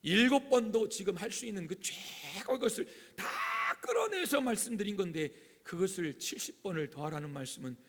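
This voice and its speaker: Male pastor, higher voice, lively sermon delivery that slips into acted voices, reverberant sanctuary. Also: a little fast, hardly any pauses, a little hiss or hum. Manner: animated preaching, acting out family scenes. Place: church sanctuary.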